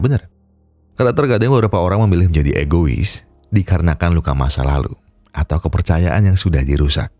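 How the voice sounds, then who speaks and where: Low low stuffy voice guy with a cold, folksy film recap host giving chill advice. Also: dry recording. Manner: folksy, gently advising, self-deprecating. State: nasal and congested from a cold. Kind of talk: scripted film recap narration and casual outro.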